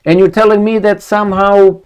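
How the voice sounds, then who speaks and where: A man's voice: high voice, flat delivery, brisk, clean tone. A man from Romania, giving a rambling opinion monologue to camera, full of rhetorical questions and repetition. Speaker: video commentator.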